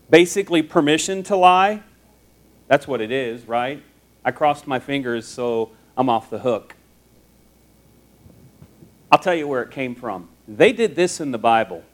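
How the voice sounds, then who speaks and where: A man giving a casual sermon to students, talking conversationally, joking and acting out the voices of people he quotes. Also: a little high. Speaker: teacher giving a Bible talk.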